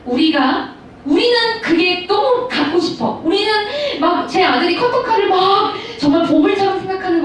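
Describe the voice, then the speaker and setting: A woman pastor in her thirties giving a storytelling sermon to high school students, speaking directly to her listeners. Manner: storytelling, animated, addresses audience directly. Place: large school hall. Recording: echoey hall, mic far off, faint noise.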